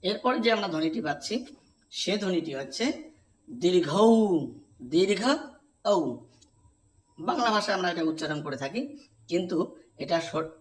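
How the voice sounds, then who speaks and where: A man's voice: high voice, animated. Man teaching sounds. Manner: slow, repeats each sound and asks the class to say it back. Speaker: Sanskrit teacher. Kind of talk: pronunciation lesson.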